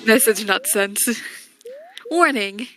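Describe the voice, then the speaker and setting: A woman's voice: mid-range voice, animated, slow pace, over music, poor audio. A woman playing a glitching computer system as a robot, chanting error warnings and siren noises in a playful game session. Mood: mock alarm. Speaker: game player. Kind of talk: playful let's-play banter.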